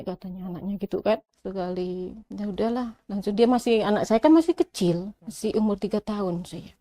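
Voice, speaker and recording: Middle-aged woman, warm mellow voice, dry close sound, retells arguments line by line in casual interview talk. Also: mid-range voice, no echo. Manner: retells arguments by quoting both sides in dialogue; conversational, with many restarts and asides. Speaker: interviewee telling her conversion story. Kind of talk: casual personal storytelling.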